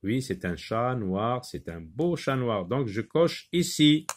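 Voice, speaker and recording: A man leads a phonics lesson at an unhurried pace. His pitch rises and falls a lot as he stresses each word, and he sounds out syllables slowly and repeats them. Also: sing-song, slight background noise. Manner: slow, careful, repeats words and syllables aloud. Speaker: teacher. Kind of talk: French phonics lesson with Arabic explanations.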